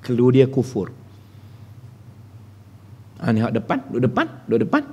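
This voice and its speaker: A man's voice: medium pitch, wildly swooping pitch, normal speed, a little mellow, slightly rough. A man with a Malaysian Malay accent giving an evening religious lecture in a prayer hall, talking conversationally, quizzing his listeners and referring to himself as Ustaz. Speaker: religious teacher.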